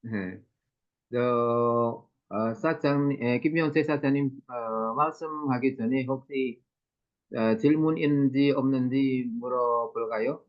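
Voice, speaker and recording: A man moderating an online meeting, speaking slowly and politely with some hesitation. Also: mid-range voice, lo-fi sound.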